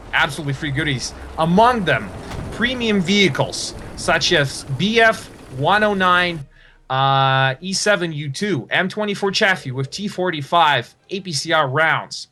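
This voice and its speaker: A man's voice: fairly high pitch, pushed and bright, slight background noise. A man hosting and commentating a live online tank tournament. He is upbeat and promotional, and he repeats his phrases. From half American, half Russian. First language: Russian.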